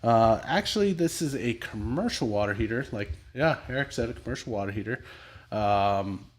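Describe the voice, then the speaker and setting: A man's voice: medium pitch, animated, normal speed. A middle-aged man co-hosting a casual livestream chat, telling crude, joking stories and acting out the voices of the people in them. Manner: crude, joking storyteller who acts out voices. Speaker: podcast co-host.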